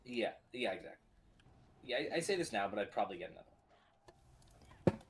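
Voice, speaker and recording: A man's voice: fairly low pitch, sing-song, moderate pace, slight background noise. A man in his thirties chatting casually and rambling, filling his talk with "like.". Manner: rambling with many "like"s, laughs easily. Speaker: friend on the stream. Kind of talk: casual chat.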